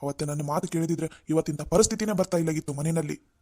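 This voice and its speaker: A man's voice: a little high, fast talker, warm tone, natural voice. A man voicing a stern middle-aged father in a cartoon family drama, blaming and lecturing.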